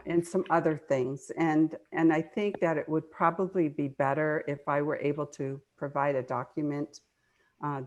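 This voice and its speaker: An older woman, a nonprofit foundation trustee appearing as a guest speaker in an online meeting, explains things conversationally and earnestly, repeating words for emphasis. Her voice is low-pitched and a little mellow.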